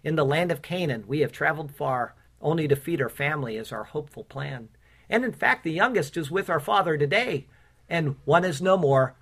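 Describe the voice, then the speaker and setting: A pastor preaching a sermon with casual asides and fillers, who reads his own rhymed Bible poem in a measured cadence. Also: on the high side, fairly bright tone. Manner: earnest, recites rhymed verse in a measured cadence.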